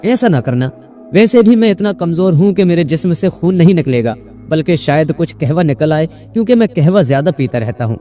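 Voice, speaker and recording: A man's voice: a little high, expressive, dark tone, faint music behind, lightly acted. A man voicing a timid, flustered old mullah who stammers when he is scared.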